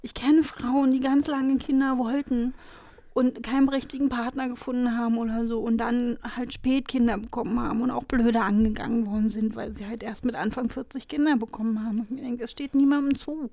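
A woman's voice: a little high, steady tone, fairly quick, dark tone, no room sound. A woman guest speaking frankly and from the heart about her own choices. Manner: frank, heartfelt, plain-spoken. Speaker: podcast guest, coaching client. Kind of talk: personal conversation.

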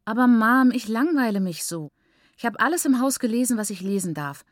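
A woman's voice: fairly high pitch, lively intonation, fairly quick, no echo, studio quality, pitched above the performer's own voice, natural voice. Woman doing a petulant, defiant teenage girl. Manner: petulant, protesting.

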